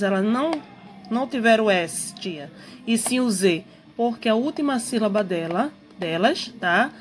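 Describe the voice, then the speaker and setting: A woman teacher, patiently explaining a grammar lesson, repeating points and checking that students follow. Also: on the high side.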